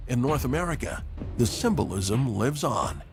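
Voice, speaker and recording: A man delivers scripted nature documentary narration. His middle-pitched voice moves with lively, wide inflection and dramatic, measured phrasing. Music plays clearly behind him. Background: background music.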